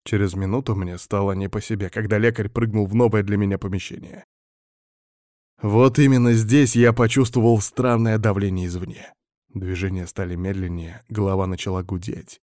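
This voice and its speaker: A man's voice: on the low side, normal speed, no echo. Man narrating a story, dry and close. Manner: steady first-person storytelling. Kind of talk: scripted audiobook narration.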